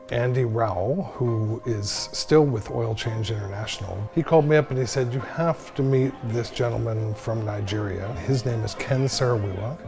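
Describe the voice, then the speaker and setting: A man speaks in a documentary interview, recalling events slowly and deliberately in a mid-range voice. Music plays clearly beneath him. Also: mid-range voice.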